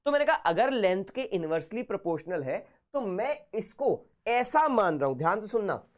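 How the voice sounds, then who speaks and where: A man with a sore, hoarse throat teaching physics in a casual, chatty live online class. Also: sits high, very animated, moderate pace. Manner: casual, chatty, talks to students informally.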